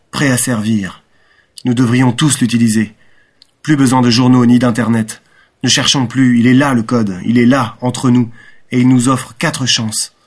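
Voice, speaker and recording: A young romantic man, caught up in his own ideas yet mocking himself, as a male reader performs him. His voice sits at an ordinary middle pitch, with a fervent, ironic turn. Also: breathy edge, lightly acted. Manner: impassioned inner monologue, ironic. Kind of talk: audiobook reading.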